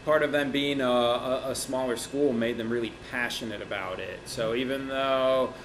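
A man's voice: medium pitch, normal speed, a little hiss or hum, low-quality recording. A middle-aged man from Mexico, a printmaker, talking casually in an interview in his studio, loose and rambling with lots of fillers. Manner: relaxed, rambling, many "you know" and "like" fillers, gestures with hands. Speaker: printmaker and art teacher, interview guest. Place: indoor art studio.

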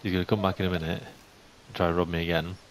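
A young man giving casual game commentary, chatting to the animals in the game and getting jumpy and excitable. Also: low-pitched, quick pace. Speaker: gaming YouTuber. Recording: faint hiss.

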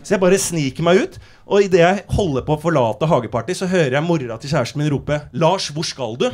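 A male stand-up comedian on a theater stage, telling a story in a brash, animated way with plenty of swearing. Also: fairly high pitch. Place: theater stage before a live audience.

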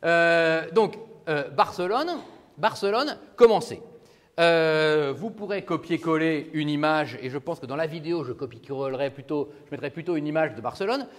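A man's voice: fairly high pitch, moderate pace. A man lecturing as a law professor, talking casually and asking his class questions. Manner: conversational, asks the class questions. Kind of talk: university lecture. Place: lecture hall. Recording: reverberant lecture hall.

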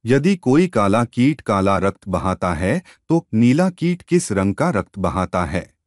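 Slow, low-voiced man reciting tongue twisters. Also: big pitch swings, no room sound.

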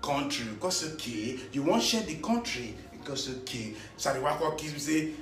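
A man's voice: on the high side, moderate pace. A man with a Nigerian Pidgin accent telling a comic story, chuckling often as he goes. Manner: animated, chuckling through his tale. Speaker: comedian. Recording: roomy echo.

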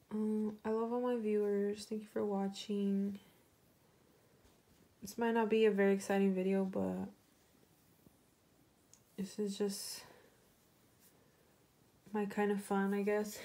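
Mellow-voiced young woman rambling casually. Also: medium pitch. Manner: rambling storytelling full of "like" fillers; coos baby talk to her pet rabbit. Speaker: vlogger. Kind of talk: casual chat.

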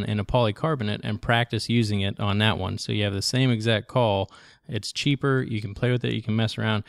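Man, creaky yet resonant, casual instructional talk, practical, matter-of-fact, podcast co-host. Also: lowish voice, no room sound, clean studio sound. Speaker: co-host of a hunting tips podcast.

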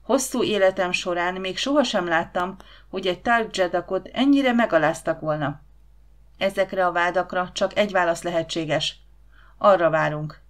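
A woman's voice: lowish voice, lightly acted. A woman voicing a stern old green Martian male chieftain in an audiobook, speaking in a cold, hard, commanding tone. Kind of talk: audiobook character reading.

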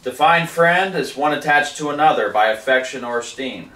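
A street preacher in his forties delivers a fervent sermon in a wood-paneled living room, reading from scripture. His medium-pitched voice is bright and forceful at a moderate pace, captured with a roomy sound by a camera across the room.

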